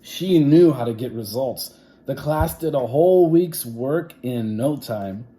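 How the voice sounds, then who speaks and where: A man's voice: mid-range voice, lively intonation, measured pace, mellow. A man reading a children's story aloud in a theatrical, playful way, with asides to his listeners. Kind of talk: animated children's read-aloud.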